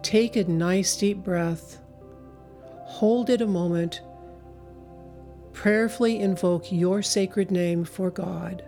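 A woman leading a guided meditation in a slow, soothing, hypnotic way, with long pauses between phrases. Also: on the low side, steady tone, warm tone, soft background music. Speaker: spiritual speaker and meditation leader.

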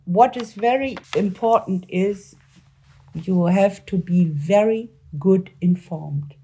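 Halting woman with a German accent. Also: mid-range voice, warm tone, husky. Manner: halting, searching for words in a second language. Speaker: former member of parliament, interview guest. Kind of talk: interview answers on politics.

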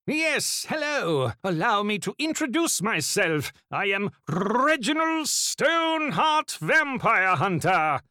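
A woman's voice: medium pitch, sing-song, slow pace, few pauses, sharp tone, no echo, clean studio sound, exaggerated voice. A woman voicing a pompous male vampire hunter who speaks in grand, old-fashioned formal phrases. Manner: pompous, archaic formal speech.

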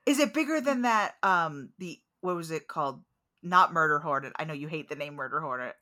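A woman co-hosting a chatty podcast, talking in an excitable, jokey way with a lot of swing in her pitch. Her voice is bright and forward, heard over a video call. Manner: excitable, joking, quick to laugh. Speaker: podcast co-host. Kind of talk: casual chat.

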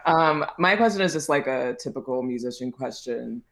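Woman with a really deep voice asking casual questions on a video call. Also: animated, unhurried, a bit bright. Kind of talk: casual interview chat.

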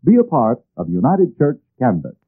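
A man in the style of an old radio announcer, reading a scripted sales pitch and addressing listeners directly like a salesman. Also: huge pitch swings, moderate pace, very noisy. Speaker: announcer reading sponsor ads. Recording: tinny, band-limited old radio recording.

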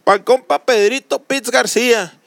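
A man's voice: very high-pitched, unhurried, gravelly, a bit bright, no echo. A man with a Mexican accent co-hosting a casual chat, telling stories in a playful, slangy way. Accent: Mexican Spanish. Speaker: podcast co-host.

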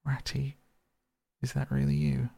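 A timid little mole, as a man puts him on for a storybook, plaintive and shaky, pitched above the reader's own voice. Underneath it stays gravelly and husky. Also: steady tone, moderate pace, darkish tone, no room sound. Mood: frightened. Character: small timid male mole, tired and frightened.

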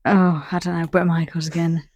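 A woman's voice: lowish voice, level tone, a little fast, darkish tone, breathy edge, no room sound, dull audio. A woman co-hosting a podcast in casual chat, teasing and exasperated as she plays a quiz. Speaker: podcast co-host.

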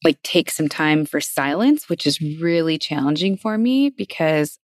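A woman's voice: low-pitched, lively intonation, unhurried, no room sound, studio quality. A middle-aged woman co-hosting a podcast, talking in a rambling, reflective way with many fillers. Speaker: podcast co-host. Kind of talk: casual chat.

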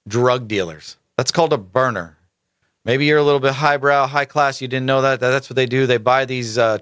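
A man talks through news items in a casual commentary show, reading lines aloud and then breaking off into emphatic asides. His pitch sits in a middle range and the sound is close and dry, with no room around it. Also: a bit bright, dry recording. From United States. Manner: emphatic, rhetorical asides, stumbles over names. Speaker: political commentary host.

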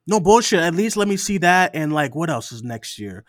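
A man's voice: on the high side, normal speed, no echo. Tired, ranting male podcast host. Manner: ranting, animated, swears freely. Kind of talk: late-night casual chat.

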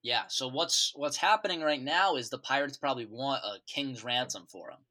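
A man's voice: mid-range voice, moderate pace, bright, forceful tone. A man co-hosting a casual sports podcast, teasing his partner and giving loose, opinionated takes. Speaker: podcast co-host.

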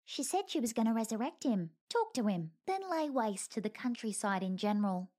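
A small, sassy winged female creature from a storybook, voiced by a woman. She talks in a bright, lifted voice. Her replies come out quick and teasing. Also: fairly high pitch, sing-song, voice pushed up. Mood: cheeky. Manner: cheeky, dry quips.

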